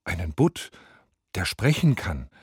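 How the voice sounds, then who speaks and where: A man voicing a meek, reluctant fisherman in a fairy tale, speaking in a low weary way. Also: sing-song, slow, husky, dry recording, studio quality, heavily acted.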